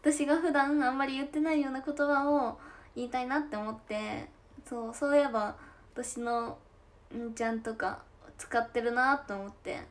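A woman's voice: high-pitched, steady tone. A young woman from Kochi with a Tosa dialect accent, chatting casually on a livestream and reading comments with frequent giggles. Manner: chatty and giggly, drawn-out soft endings. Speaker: idol livestream host.

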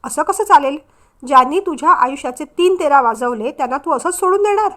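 A woman's voice: sits high, expressive, a little fast, pushed and bright. A woman voicing a scheming young woman who talks in a coaxing, persuasive way. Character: scheming young sister-in-law, soothing outside.

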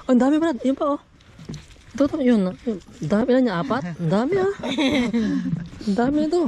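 Excited man counting shrimp at night. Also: very high-pitched, fairly quick, noisy background. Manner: excited, counting the catch aloud. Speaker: vlogger shrimping with friends. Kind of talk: casual chat. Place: wooden dock outdoors at night.

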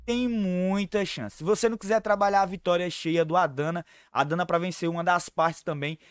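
Homem animado dando palpites de apostas. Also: male voice, high voice, fairly even intonation, smooth, dry recording, clean studio sound. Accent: Brazilian Portuguese, São Paulo fan. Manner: brisk, chummy, calls viewers family and partner. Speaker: sports betting tipster. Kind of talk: fast betting tips over screen share. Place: small room at home.

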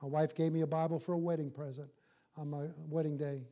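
An older man preaching a church sermon in an animated, folksy, joking way, putting rhetorical questions to his listeners. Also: a little high, quick pace. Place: church sanctuary, in front of a small congregation.

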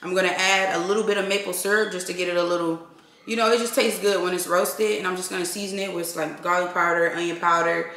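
A woman's voice: lowish voice, steady tone, fast, fairly bright tone. A middle-aged woman chatting casually to her viewers while she preps and cooks in her home kitchen, filmed by a camera across the room. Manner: chatty, addresses viewers as y'all. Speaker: cooking vlogger. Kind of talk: casual cooking demonstration. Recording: echoey kitchen with sizzling pans.

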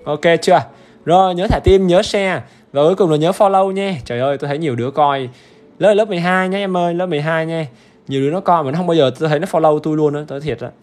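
A man's voice: a little high, quick pace, darkish tone. Upbeat man teaching. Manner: upbeat and chatty, keeps urging viewers to comment; repetitive check-ins with the audience. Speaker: English teacher. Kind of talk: livestream exam-review lesson.

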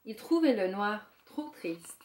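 A woman reading a children's picture book aloud, slowly and clearly, for young listeners. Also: mid-range voice, big pitch swings, a little mellow, echoey room. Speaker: storyteller. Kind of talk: children's story read-aloud.

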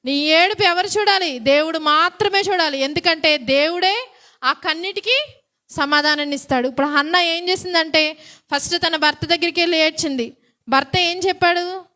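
A woman's voice: extremely high pitch, moderate pace, bright, forceful tone. A woman preaching a sermon, asking the congregation questions and then repeating the answers.

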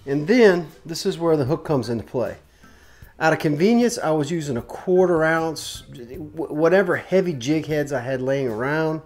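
A man in his forties, a fishing guide and show host, casually explaining step by step how to tie a rig in a small workshop, talking close to the camera. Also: fairly high pitch. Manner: relaxed, chatty, explains step by step while tying knots. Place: small indoor tackle workshop.

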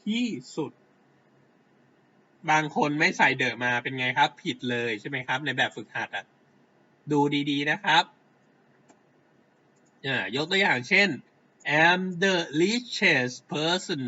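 A man's voice: a little high, bright, forceful tone, dull audio. A man teaching a grammar lesson to a class, patiently checking that they follow along.

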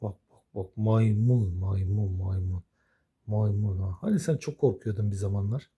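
A man's voice: fairly low pitch, moderate pace, warm tone, husky, dull audio. A man talking affectionately to his pet budgies in casual, coaxing baby talk. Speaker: budgie owner.

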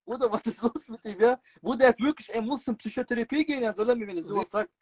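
A man's voice: very high-pitched, rapid-fire, husky, no room sound. A man chatting casually on a phone livestream in blunt street slang with Arabic interjections. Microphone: phone, video call livestream.

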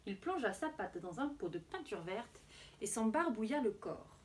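A woman teacher reading a picture book aloud to children in an expressive storytelling voice. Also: a little high, moderate pace, a little hiss or hum.

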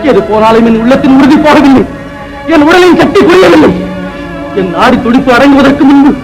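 A hotheaded young son giving a big speech, really high pitched, music under it. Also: male voice, expressive, brisk, rough recording. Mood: defiant vow. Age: young adult. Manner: declamatory, fiery. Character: proud young son, defiant and vowing. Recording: old film soundtrack with music.

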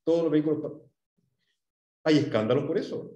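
A Chilean Spanish-accented man with a voice on the high side and a dark tone teaches English briskly, questioning the class and drilling pronunciation. The audio is dull with a little hiss or hum, captured in an echoey room from a far-off mic.

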